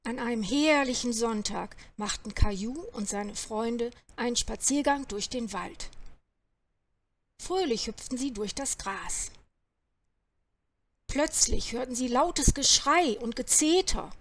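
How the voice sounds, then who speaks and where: A woman gently reading a children's story aloud. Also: a little high, slow, pauses often.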